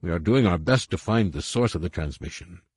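A man's voice: sits low, lively intonation, a little fast, a little mellow, slightly rough, no echo, studio quality. A man voicing a formal, pompous male general who blusters under pressure. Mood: apologetic.

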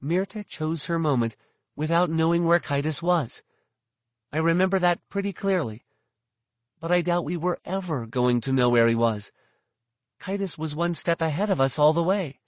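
A man voicing a steady, restrained young Jedi woman in an audiobook reading. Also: fairly high pitch, normal speed, dry recording, clean studio sound, pitched above the performer's own voice, close to an everyday voice. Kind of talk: audiobook narration.

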